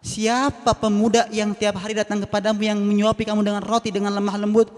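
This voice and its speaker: A male preacher voicing a gentle, sorrowful man in a retold sermon story. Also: high-pitched, completely flat delivery, quick pace, voice pushed up, natural voice. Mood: earnest. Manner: earnest, sorrowful. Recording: reverberant hall.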